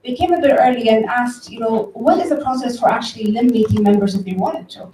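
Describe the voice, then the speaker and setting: Before an audience in an echoing event room, a tech company director from Ethiopia tells stories in a casual, conversational conference talk, turning directly to her listeners. Her mellow, soft-edged voice is on the high side and quick, picked up by a distant mic with slight background noise.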